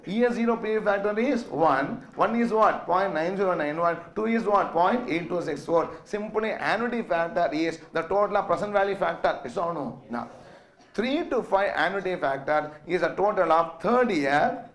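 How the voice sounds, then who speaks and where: A middle-aged man with a South Indian accent, teaching like a classroom lecturer, repeating himself and asking questions he then answers. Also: high voice. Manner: repetitive, asks and answers own questions. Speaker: finance lecturer.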